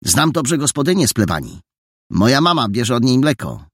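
A man voicing a lively, chatty young girl who speaks eagerly and cheerily. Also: mid-range voice, moderate pace, no echo, clean studio sound, voice pushed up.

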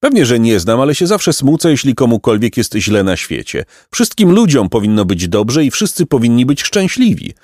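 A man's voice: mid-range voice, very animated, normal speed, few pauses, a little mellow, dry recording, clean studio sound, pitched above the performer's own voice. A man voicing a cheerful, good-natured peasant who talks in a hearty, simple-hearted, laughing way, in a storybook reading.

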